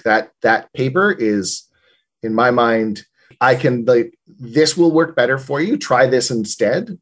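A man talking informally as a podcast co-host and game master, telling stories and quoting players in casual conversation. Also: mid-range voice. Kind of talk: casual chat about tabletop gaming.

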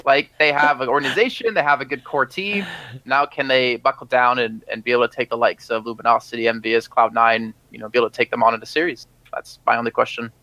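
Fast, bright, blunt-talking man. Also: mid-range voice, fairly even intonation, no echo, poor audio. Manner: blunt, opinionated, argumentative. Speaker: podcast co-host. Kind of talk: casual panel discussion.

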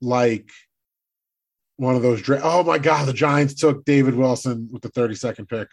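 A man's voice: mid-range voice, moderate pace, creaky. A man co-hosting a sports podcast in casual chat, teasing dryly while reading out draft picks. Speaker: podcast co-host.

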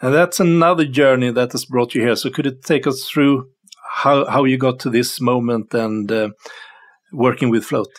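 A man's voice: medium pitch, fairly even intonation, normal speed. A man hosting a podcast in a playful, upbeat way, laughing often as he welcomes and questions a guest. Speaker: podcast host.

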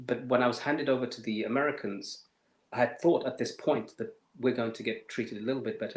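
A man telling a painful personal story in an interview, measured and emotional, with many fillers and restarts. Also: lowish voice, echoey room, rough recording. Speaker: interview guest.

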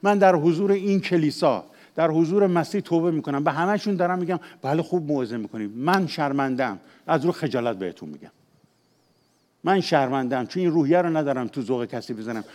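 An older pastor with a Persian accent preaches from a church pulpit in a fairly high, lively voice. He swings between emphatic raised passages and quiet confessional asides.

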